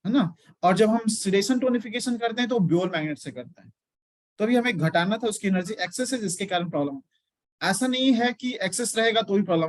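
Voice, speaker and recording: A man's voice: sits high, no room sound. A man teaching an acupressure class in a mixed Hindi-English lecture, explaining step by step and often checking in with his students.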